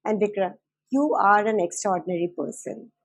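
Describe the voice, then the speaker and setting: A woman with an Indian accent, hosting a formal interview in deliberate, measured phrases. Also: medium pitch. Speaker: talk show host.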